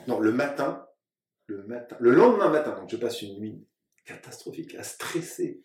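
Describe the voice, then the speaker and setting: A man from France, an actor, telling lively anecdotes in casual conversation and acting out other people's lines. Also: medium pitch, normal speed. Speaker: actor and guest. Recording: roomy sound from a distant mic.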